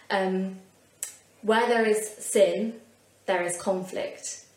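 A woman's voice: mid-range voice, darkish tone. A woman with a Yorkshire accent preaching a sermon in an earnest, conversational way with light asides. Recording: roomy echo.

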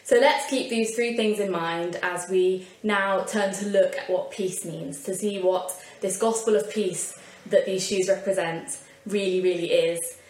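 A woman with a Yorkshire accent preaches a sermon in a steady, slightly mellow, mid-pitched voice, speaking a little slowly. Her delivery is earnest and conversational with light asides. The room is roomy and echoing.

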